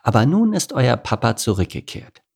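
A man's voice: medium pitch, sing-song, moderate pace, vocal fry, darkish tone, husky, pitched above the performer's own voice, exaggerated voice. A man voicing a bossy but caring lioness mother in an audiobook story. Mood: calm. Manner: scolding, commanding.

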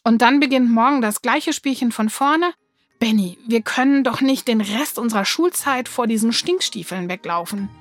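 A woman's voice: a little high, normal speed, faint music behind, natural voice. A woman reading an audiobook, voicing a fiery, bossy schoolgirl who talks in a challenging, impatient way. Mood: determined.

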